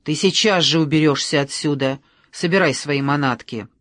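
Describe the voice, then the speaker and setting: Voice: mid-range voice, moderate pace, a bit bright, no echo, clean studio sound, natural voice. An audiobook reader voicing a stern, commanding adult woman who speaks in a curt, cold, scolding way. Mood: angry.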